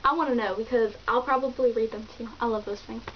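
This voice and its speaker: A woman with a high voice chats through her book reviews, animated and exclamatory. The recording sounds dull and lo-fi, with a faint hiss underneath. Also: quick pace. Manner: animated, exclamatory and chatty, with many fillers. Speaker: book vlogger. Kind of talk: casual book review chat.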